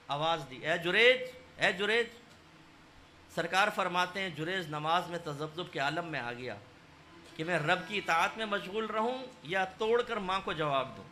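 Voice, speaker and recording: A man's voice: sits high, sharp tone, a little hiss or hum. A man giving a sermon as a religious scholar, telling a story and acting out the quoted voices, with emphatic, rising stresses.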